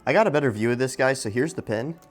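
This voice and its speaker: A man's voice: medium pitch, fast. Man casually narrating, music behind. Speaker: product reviewer, video host. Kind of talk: casual unboxing and assembly narration.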